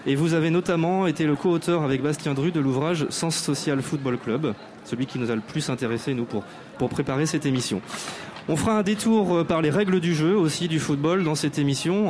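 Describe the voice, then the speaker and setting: A fairly high-pitched man with a darkish tone introduces guests on a live radio show, recorded with a little hiss or hum. He's on an outdoor stage at an arts venue before an audience, sounding formal and playfully grand while hesitating frequently.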